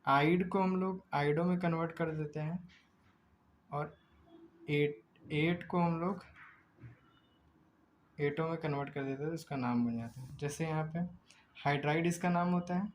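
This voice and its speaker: A man's voice: on the high side, steady tone, a little hiss or hum, poor audio. Man teaching chemistry, stretching out terms. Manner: asks himself rhetorical questions while explaining step by step; stretches out chemical names slowly. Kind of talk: recorded lecture.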